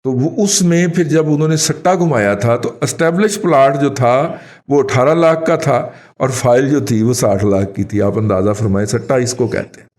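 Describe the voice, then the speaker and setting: A man with a Pakistani Urdu accent, co-hosting a talk show and giving rambling, animated commentary. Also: few pauses. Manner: animated, rambling, pitch jumps when emphatic. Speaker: co-host, elder commentator.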